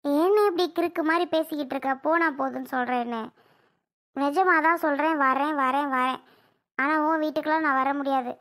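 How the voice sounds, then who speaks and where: A woman's voice: sits high, fairly bright tone. A woman playing a young married woman, a younger sister who scolds and coaxes her brother in a family comedy skit. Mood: coaxing scolding. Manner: scolding yet coaxing, quick to snap.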